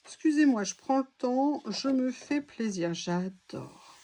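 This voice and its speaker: A woman's voice: high-pitched, lively intonation, slow pace, warm tone. A woman vlogger chatting casually through a craft haul, exclaiming as she reacts to each item.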